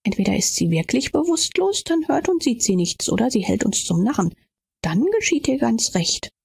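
A woman's voice: a little high, big pitch swings, moderate pace, gravelly, darkish tone, breathy edge, dry recording, heavily acted. A woman reading an audiobook, voicing a flippant, needling young woman with a teasing, questioning manner.

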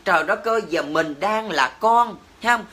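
A man's voice: high voice, expressive, normal speed, sharp tone. A man with a Southern Vietnamese accent, ranting indignantly to his livestream viewers, cursing and exclaiming as he talks. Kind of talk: heated livestream rant.

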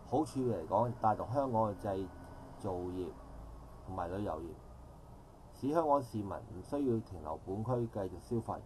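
A middle-aged man with a Hong Kong Cantonese accent, an audience member at an outdoor park forum, delivers a long, rambling public comment in formal phrasing, often correcting himself. His voice is lowish. The audio is poor, with a little hiss or hum.

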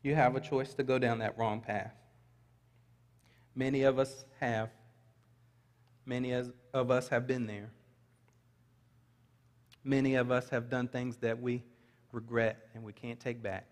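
The sermon comes from a middle-aged pastor whose medium-pitched delivery is flat and a little slow, with long pauses. He reads scripture aloud and makes light asides to the congregation, his voice echoing with the long reverb of a large sanctuary.

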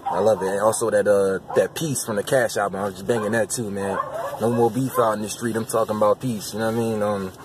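A young man giving casual commentary to his viewers, with loose, repetitive slang, getting louder and higher as he argues. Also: fairly even intonation, quick pace, noisy background. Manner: loose, repetitive slang, rising heat when arguing. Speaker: vlogger.

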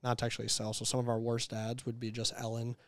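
A man in his thirties, an entrepreneur guest talking candidly in a casual interview, animated and quick to act out quotes. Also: medium pitch, no echo. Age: 30s.

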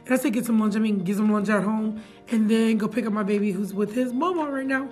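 A young woman, a teacher chatting casually to camera in her classroom, animated and full of fillers. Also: a little high, fast, faint music behind. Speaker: middle school science teacher. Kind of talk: casual vlog chat. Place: classroom, indoors.

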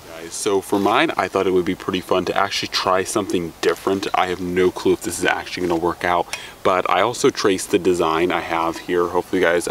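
Young man with a low, gravelly voice. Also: fairly bright tone, a little hiss or hum. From Alaska. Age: young adult. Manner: chatty and loose, with fillers and restarts. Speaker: outdoors vlogger. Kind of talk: casual how-to demonstration. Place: outdoors in a birch woodland.

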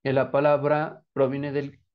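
A man's voice: medium pitch, completely flat delivery, measured pace, clean tone, highs cut off. A man with a Mexican accent teaching a lesson in quiz style, answering his own questions and praising the viewer. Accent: Mexican Spanish.

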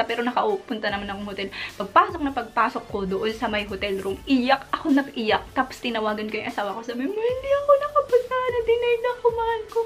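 A woman's voice: a little high, a bit bright. A young Filipino woman with a Filipino accent, a beauty vlogger chatting casually and animatedly through a personal story, with plenty of fillers. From Philippines.

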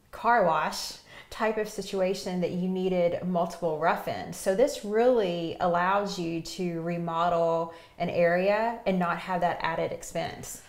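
A middle-aged woman hosts a home-design TV segment with upbeat enthusiasm. Her voice sits on the low side, and the tiled bathroom gives it an echoey ring. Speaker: TV show host.

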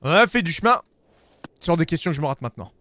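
A man streaming a video game, chatting casually with viewers and swearing, with bursts of shouting at the animals in the game. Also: fairly high pitch, very animated, fast talker. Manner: talks to his chat viewers. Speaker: streamer playing a climbing game. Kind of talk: casual gameplay commentary.

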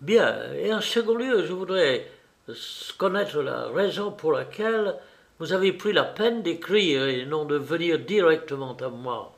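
A man reading an audiobook, voicing a portly, pompous older gentleman who speaks in a stiff, huffy, self-important way. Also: fairly high pitch, expressive, unhurried, vocal fry. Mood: flustered, pompous.

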